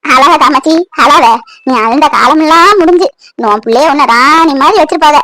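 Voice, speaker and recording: A woman's voice: high voice, normal speed, sharp tone, no room sound. A woman voicing an elderly, tender mother-in-law in a cartoon, consoling and blessing her daughter-in-law. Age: older. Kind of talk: Tamil cartoon voice acting.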